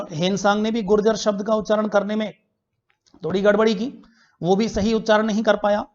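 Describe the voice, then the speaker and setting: A man's voice: high voice, flat delivery, normal speed. Male history teacher in an online class, poses questions, answers them himself, drills key facts; dull lo-fi recording. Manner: repeats key facts for students to remember.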